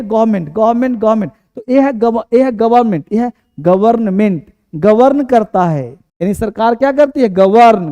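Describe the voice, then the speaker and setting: Male tutor, high, mellow voice, dry sound; repeats spellings like drills. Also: clear, resonant tone, no room sound. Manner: repeats spellings in drilling chants, quizzes students directly. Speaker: English spelling teacher. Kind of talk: exam-prep spelling lesson.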